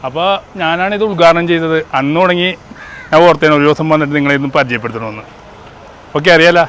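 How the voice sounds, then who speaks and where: A man's voice: a little high, fast, a bit bright. A man with a Kerala Malayali accent hosting a casual vlog, slangy and exclamatory as he addresses viewers. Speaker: vlog host. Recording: faint engine and outdoor noise.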